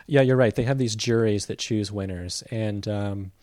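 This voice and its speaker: A man's voice: on the low side, normal speed, a little mellow, no echo, clean studio sound. A man talking casually as a film critic, thoughtful and hesitant, with many fillers and restarts. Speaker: film critic reporting from a festival. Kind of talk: casual conversational review.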